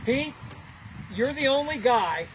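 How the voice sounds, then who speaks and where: A man chatting casually in a folksy, joking way, with halting fillers, as he thanks a friend and hands over an award. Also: very high voice, lively intonation, faint music behind, rough recording. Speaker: musician presenting an award. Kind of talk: casual chat on a film shoot.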